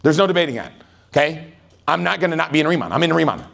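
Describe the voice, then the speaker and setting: A middle-aged man teaches a room full of recruits at a rapid clip, his voice sitting a little high for a man. He tells stories with a lot of energy and keeps checking that his listeners are following. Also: creaky. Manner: energetic, chatty storyteller who keeps checking in with the audience. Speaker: network marketing trainer. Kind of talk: motivational sales training talk.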